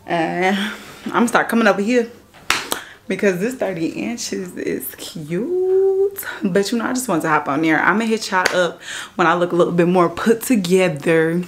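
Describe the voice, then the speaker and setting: A woman's voice: lowish voice, expressive, normal speed, background noise. A woman in her twenties chatting casually in a vlog, slangy and frank. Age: 20s. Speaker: vlogger.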